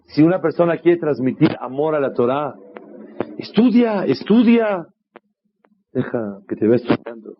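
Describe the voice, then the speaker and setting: A man, a rabbi, giving a sermon in an animated storytelling way, asking rhetorical questions and acting out the voices in his stories. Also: medium pitch, a little fast, few pauses, a little hiss or hum. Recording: dull lo-fi recording.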